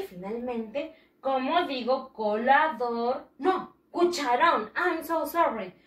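High-voiced teacher in an echoey room. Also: female voice, distant mic. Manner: slow, drawn-out pronunciation drills. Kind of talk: bilingual vocabulary lesson for children.

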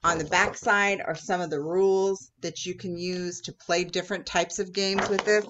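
A woman's voice: on the low side, steady tone, moderate pace, dull audio, noisy background. A woman Girl Scout troop leader giving an upbeat instructional talk for children, sometimes acting out exchanges with customers. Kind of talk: instructional video for kids.

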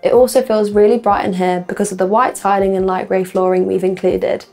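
Woman presenting a house tour, slightly creaky voice. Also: medium pitch, little pitch movement, fairly quick, over music. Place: indoor rooms of a furnished house. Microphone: lapel mic.

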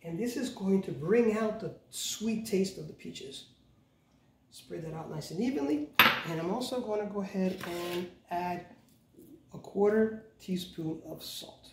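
A middle-aged home cooking host gives a casual step-by-step cooking demonstration in a relaxed, instructive way, correcting himself and repeating "go ahead and." His voice is high and a little slow. A camera mic across his large, bright home kitchen picks up roomy, distant sound with a little hiss or hum.

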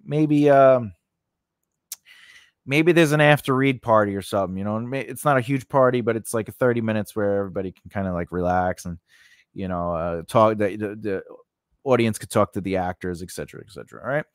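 This man's fairly low, smooth voice moves at a brisk clip, recorded clean in a studio with no echo. He hosts and teaches a writing lesson as an informal, unscripted tutorial, chatting conversationally, often repeating phrases and checking in with the listener.

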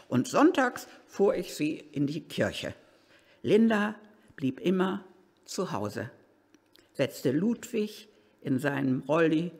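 A man giving a live first-person literary reading, slow and expressive with excited outbursts, in an old gatehouse. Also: high voice, gravelly. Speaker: reader. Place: old gatehouse at a historic cemetery. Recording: reverberant hall.

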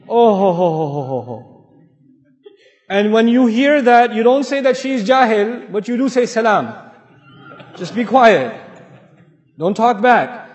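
A middle-aged man from Pakistan giving an animated, humorous Islamic talk to an audience in a large mosque hall, acting out voices as he tells stories. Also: very high voice. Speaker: Islamic lecturer. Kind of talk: sermon-style talk with storytelling. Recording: echoey hall with long reverb.

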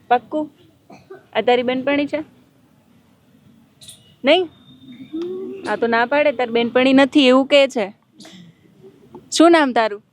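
A woman reporter interviewing schoolgirls on location outside a school, asking playful, teasing questions. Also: a little high.

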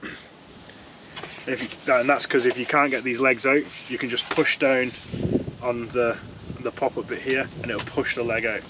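A man's voice: mid-range voice, flat delivery, measured pace, long pauses, noisy background. A young man chatting casually as he reviews fishing gear from inside a tent, rambling and restarting his sentences. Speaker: fishing vlogger.

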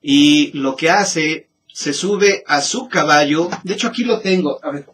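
A Mexican man hosting a show, telling legends in a musing, halting way with frequent restarts. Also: fairly high pitch, background noise. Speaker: host. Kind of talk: storytelling commentary.

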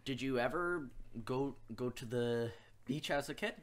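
A man with a medium-pitched voice speaks at a measured pace, hosting a casual podcast interview with his grandmother. He asks his questions hesitantly, using many fillers.

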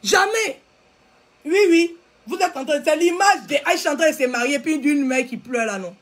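A social media commentator speaks in a high, fairly quick voice with an Ivorian French accent. She delivers a heated, repetitive rant on a live video, scolding her viewers angrily.

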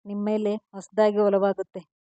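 A woman's voice: medium pitch, monotone, normal speed, mellow, no echo, muffled recording, lightly acted. A woman voicing Pallavi, a shy young wife. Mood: affectionate.

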